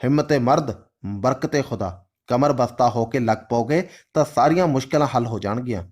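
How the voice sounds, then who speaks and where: A man's voice: mid-range voice, animated, darkish tone, close to an everyday voice. A man reading as a stern formal official. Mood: coaxing. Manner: formal, measured, Urdu-flavored phrasing. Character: stern formal male official, measured and lawful.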